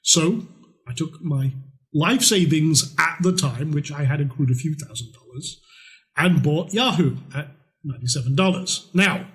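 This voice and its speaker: A middle-aged man with a slightly higher voice than most men, pitching a trading course in a loose, conversational way. He talks bluntly and throws in the odd swear word. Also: unhurried, a bit bright. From Scotland. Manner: chatty, blunt, with mild swearing.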